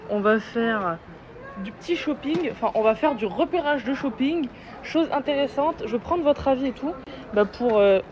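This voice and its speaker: A woman's voice: high voice, animated, moderate pace, background noise. A young woman chatting casually and playfully to her viewers in a vlog, filmed on a handheld phone. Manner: chatty, slangy and playful, asks viewers' opinions. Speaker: vlogger. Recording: dull lo-fi phone audio with music behind.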